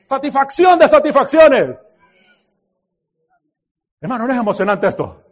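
High-voiced animated man preaching. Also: a little slow. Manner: animated, swings from soft asides to shouted exclamations, laughs often. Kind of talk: sermon. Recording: dull lo-fi recording.

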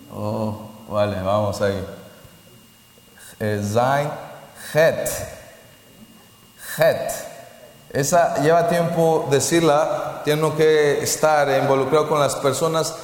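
A man's voice: medium pitch, slow pace, pauses often. A man giving a church talk, teaching the Hebrew alphabet in an informal way, often restarting his sentences and leading the group in repeating letters. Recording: echoey hall with long reverb.

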